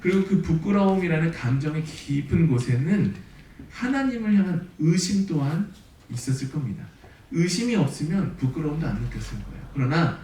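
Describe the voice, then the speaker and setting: Animated pastor preaching in an echoey church. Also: male voice, fairly high pitch, slight background noise. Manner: animated storytelling, acts out quoted voices. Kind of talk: sermon. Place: church sanctuary. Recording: roomy sanctuary sound from a distant mic.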